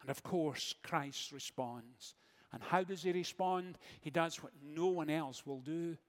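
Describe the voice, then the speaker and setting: A man preaching a sermon as pastor, measured, with dramatic pauses and rhetorical questions. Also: a little high. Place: church sanctuary. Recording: long church reverb.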